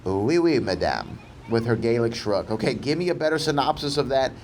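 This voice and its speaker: A man hosting a podcast, chatting casually and pitching movie ideas, heard over a low-quality audio stream from a balcony outdoors. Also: lively intonation, fairly quick. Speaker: podcast host. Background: faint outdoor noise.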